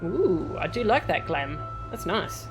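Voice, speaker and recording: A woman streams games with casual live commentary, chatty and playful, often muttering to herself and her chat. Her lowish voice is very animated yet unhurried, and music plays under it.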